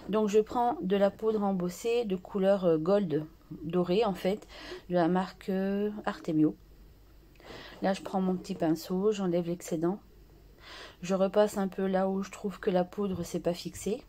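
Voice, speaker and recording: A woman hosting a craft tutorial, slowly talking through her art journal steps with many pauses and restarts. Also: medium pitch, fairly even intonation, mellow, a little hiss or hum. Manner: slow and hesitant, many fillers and restarts.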